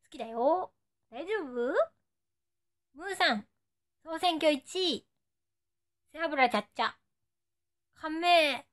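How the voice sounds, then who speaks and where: Cutesy high-voiced Nagoya young woman. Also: fairly bright tone. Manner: playful, cutesy, saying short phrases that fans request. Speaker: idol streaming for fans. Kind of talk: casual live stream chat.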